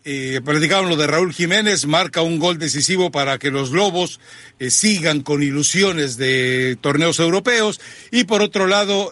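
Un hombre con acento mexicano que conduce un programa deportivo, da paso a pausas y segmentos con agilidad. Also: male voice, fairly high pitch, bright, forceful tone, no room sound. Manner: brisk, leads segments and breaks. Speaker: host. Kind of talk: sports talk show hosting.

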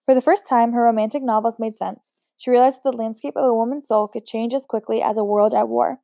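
A woman reading a novel aloud at a steady pace, unpolished, with occasional slips and restarts. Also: a little high, quick pace, vocal fry, dry recording. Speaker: audiobook reader.

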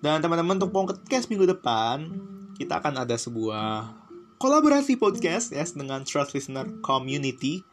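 A man's voice: fairly high pitch, big pitch swings, normal speed. A man hosting a podcast, talking in a casual, earnest way in street slang and dropping in English phrases. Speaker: podcast host. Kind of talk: casual motivational podcast talk. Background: guitar music.

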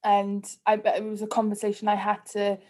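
Woman, Cardiff Welsh accent, mid-pitched, casual podcast guest, candid, conversational, frequent "like". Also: completely flat delivery, normal speed, dark tone. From Cardiff, Wales. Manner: candid, conversational, heavy use of "like". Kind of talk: casual personal interview chat.

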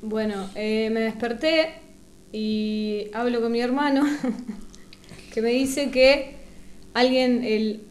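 A young woman telling a story in casual chat, fast and animated, acting out the dialogue. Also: fairly high pitch, slight background noise.

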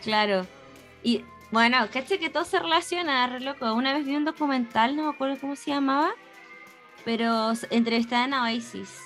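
Young Chilean woman, podcast co-host, slangy chatty tone, slightly high pitch. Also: brisk, fairly bright tone, faint music behind. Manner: slangy, chatty, wanders off on tangents. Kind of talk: casual chat.

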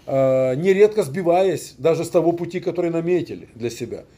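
A man's voice: fairly high pitch, lively intonation, brisk, warm tone. A man, a rabbi, giving a conversational lecture, often turning to the listeners with questions.

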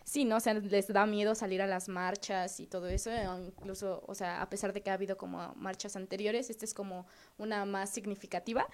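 A young woman speaks with a Mexican accent in a relaxed student panel chat. She talks earnestly and encouragingly, and she often pauses on fillers. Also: mid-range voice. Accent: Mexican Spanish. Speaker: student co-host.

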